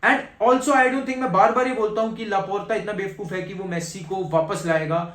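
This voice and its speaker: Male fan vlogger, bright high voice, animated and casual, echoey home room. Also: moderate pace. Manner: animated, mixes English into his talk, addresses viewers as brother. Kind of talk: casual reaction vlog.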